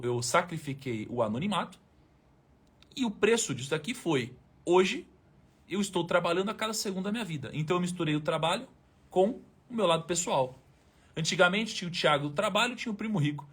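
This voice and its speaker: A man's voice: a little high, fairly bright tone, slightly rough. A man with a Brazilian Portuguese accent hosting a motivational live stream, talking informally and emphatically, with slang and the odd swear word aimed straight at his viewers.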